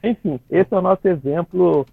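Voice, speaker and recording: A man with a Brazilian Portuguese accent, a conductor chatting on the radio, restarting phrases and tagging them with quick questions as he explains. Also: sits high, vocal fry, husky, dry recording. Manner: chatty, many restarts and tag questions, laughs while explaining. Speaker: conductor explaining classical music in cartoons. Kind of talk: casual radio chat. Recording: dry tinny phone line.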